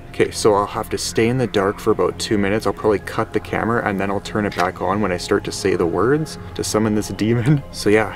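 A man in his twenties talking casually to camera as a vlogger, nervous and excitable, with frequent filler words. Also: fairly low pitch. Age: 20s. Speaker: vlogger doing a paranormal challenge. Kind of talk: casual vlog talk to camera. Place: small indoor rooms in a home basement.

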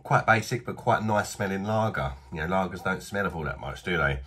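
A man's voice: deep voice, lively intonation, brisk, fairly bright tone, slight background noise. A man in his thirties with a British accent, chatting bluntly and casually while reviewing a beer in a small home bar. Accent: British English. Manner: chatty, blunt, self-deprecating.

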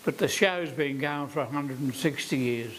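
A man's voice: medium pitch, normal speed, low-quality recording. A man, a circus veteran giving plain-spoken interview answers and often repeating himself. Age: 90s. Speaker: circus performer.

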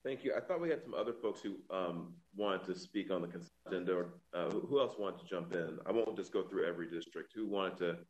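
Low-voiced mayor chairing, echoey room. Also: male voice, darkish tone. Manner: brisk procedural calls. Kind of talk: chairing a council meeting.

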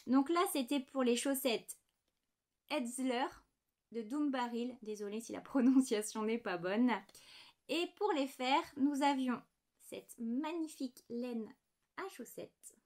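A woman in her thirties with a slightly high voice chats casually from her home desk. She shows off small knitting items, often apologizing and pausing over the little details. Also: a little mellow. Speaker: knitting podcast host. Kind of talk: casual show-and-tell chat.

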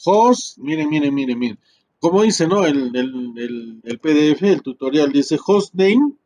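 Man, teacher, higher voice, unhurried and chatty, full of fillers. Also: expressive, darkish tone, a little hiss or hum. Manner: slow, chatty, tag questions, many fillers. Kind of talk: live screen-share tutorial.

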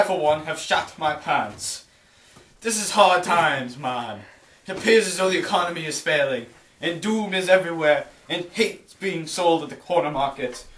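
A man's voice: on the high side, a bit bright. A man playing a melodramatic, gloomy gang member in a homemade comedy skit, speechifying overdramatically. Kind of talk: amateur comedy skit acting. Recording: echoey room, mic far off.

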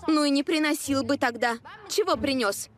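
A woman's voice: high-pitched, moderate pace, soft background music, close to an everyday voice. An actress playing a defensive, easily flustered young woman in a dubbed TV drama. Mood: indignant. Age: young adult.

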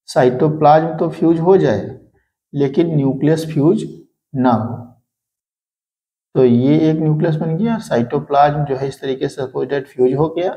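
A man's voice: a little high, mellow. A man teaching an exam-prep lesson, who keeps asking rhetorical questions and answering them himself. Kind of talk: explaining a lesson.

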